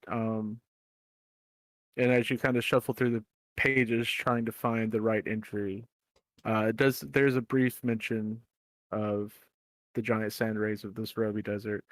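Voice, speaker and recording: A man narrating a tabletop game as game master, describing scenes in a relaxed way with many fillers. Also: medium pitch, measured pace, pauses often, no echo.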